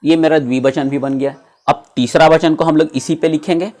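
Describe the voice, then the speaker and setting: A man's voice: fairly high pitch, steady tone, a little mellow. Man reciting grammar forms in a lesson. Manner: recites word forms slowly, with frequent "theek hai" check-ins. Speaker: Sanskrit grammar teacher. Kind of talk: classroom-style video lesson.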